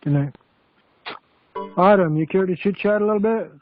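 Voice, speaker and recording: A man hosting a casual phone conference call, talking haltingly with many fillers and restarts. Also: high voice, soft background music. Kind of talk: casual chat. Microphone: telephone. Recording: tinny phone line.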